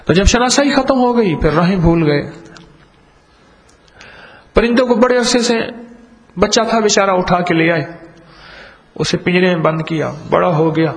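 A Pakistani man preaching and telling parables, his voice pitched fairly high. He acts out the dialogue with lively emphasis. His voice rings through a long hall reverb. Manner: storytelling, acts out dialogue, rising and falling emphasis. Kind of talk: sermon with parables.

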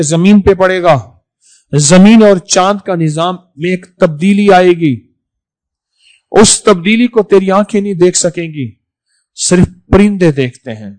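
A man's voice: sits high, low-quality recording. Emphatic male preacher with a raised voice. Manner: repetitive, emphatic, swings between loud stresses and soft drops. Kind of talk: sermon.

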